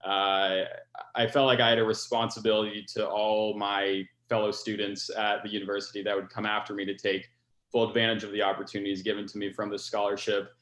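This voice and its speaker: A man's voice: on the low side, little pitch movement, a little fast, a bit bright. Earnest young man in an echoey room. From France. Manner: earnest, many uh fillers, grateful. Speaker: scholarship recipient, pilot. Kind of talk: interview answers.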